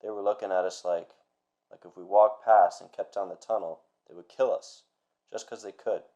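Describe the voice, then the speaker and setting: A tough, grim man played by an actor tells a menacing story. His voice is low and dark, with a plain dramatic delivery. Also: fairly even intonation, normal speed, dull audio, natural voice.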